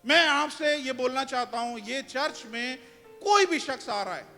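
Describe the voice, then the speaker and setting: Music plays behind the church hall reverb as a male pastor preaches, questioning his congregation and hammering his points home. He speaks unhurriedly in a very high-pitched, sharp voice with lively intonation.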